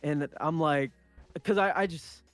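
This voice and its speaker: Unhurried and a little high in pitch, a young Punjabi-born man tells a story while co-hosting a casual podcast, rambling, swearing and restarting frequently. There's soft background music and no room sound.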